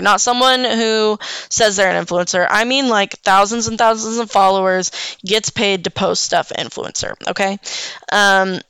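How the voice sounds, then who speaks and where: Frank young woman podcasting, smooth voice. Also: medium pitch, fairly bright tone, no echo. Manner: rambling, frank, swears often, many ums and likes. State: yawning and hiccuping. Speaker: podcast host. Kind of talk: casual solo podcast chat.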